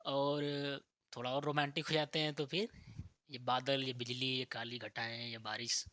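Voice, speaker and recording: A man's voice: mid-range voice, level tone, normal speed, bright, forceful tone, no room sound. A man explaining ideas to his listeners like a teacher, asking questions and answering them himself and often checking in with "theek hai". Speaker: spiritual teacher. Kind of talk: explanatory talk on spirituality and nature.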